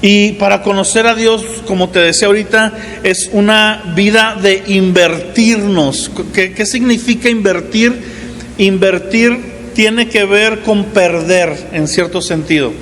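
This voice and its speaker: In a church hall, a forties-aged pastor preaches a sermon at a measured pace, his fairly high voice a little bright. He keeps it easygoing and chatty, often dropping in "¿verdad?" to engage the congregation. The sound carries a long reverberant tail over a faint underlying hiss.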